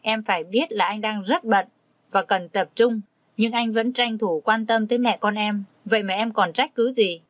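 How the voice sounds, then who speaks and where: A woman's voice: medium pitch, moderate pace, no echo, natural voice. Woman reading as a stern young husband. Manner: firm, scolding. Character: young husband, busy professor, stern when angry.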